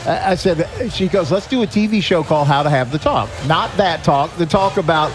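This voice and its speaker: This older American man has a fairly high voice and talks a little fast, earnestly chatting as a guest on a live restaurant podcast. As executive director of a senior help organization, he recounts anecdotes and performs bits of dialogue, with music audible in the background.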